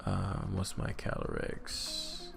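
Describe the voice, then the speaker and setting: A man with a very low, gravelly voice talks through his competitive match as he plays. He thinks aloud in a loose, casual way, muttering and trailing off with plenty of ums. Faint music plays behind him. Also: huge pitch swings, slow. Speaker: competitive game player and commentator. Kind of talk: casual live gameplay commentary.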